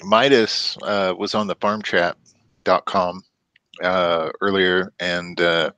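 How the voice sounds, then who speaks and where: A man with a fairly low voice hosts a casual group chat over a voice call. He jokes around in a loose, profane way. His voice sounds dry and close, with little room sound. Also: steady tone, slow, pushed and bright, smooth, no room sound. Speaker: host.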